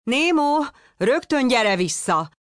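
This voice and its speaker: A woman's voice: rumbling low, fairly even intonation, warm tone, no echo, studio quality, pitched below the performer's own voice. A woman voicing an anxious, overprotective father clownfish in a storybook reading, pleading and fretful. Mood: urgent.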